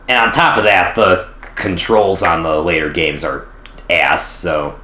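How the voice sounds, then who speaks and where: A man's voice: on the low side, bright, forceful tone, echoey room. A young man casually commentating his gameplay on stream, rambling and self-deprecating. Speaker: gaming streamer.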